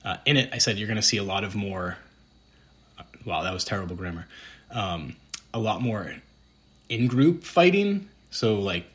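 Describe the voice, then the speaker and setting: A man's voice: fairly low pitch, expressive, moderate pace, long pauses. A man with a Boston accent, co-hosting a casual podcast conversation, rambling with lots of ums and self-deprecating asides. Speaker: podcast co-host.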